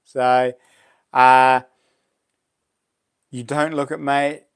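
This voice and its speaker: A man in his late forties with a broad New Zealand accent hosts a livestream, chatting casually with viewers in laid-back, blokey slang. His mid-range voice is clear and resonant, level in tone, and very slow.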